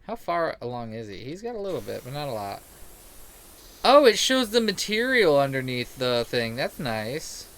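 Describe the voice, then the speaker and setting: A man streams a game and chats casually, his medium-pitched voice very animated, fairly bright, and at normal speed. He rambles, jokes crudely, swears a lot, and acts out remarks he quotes. Background noise is clearly audible.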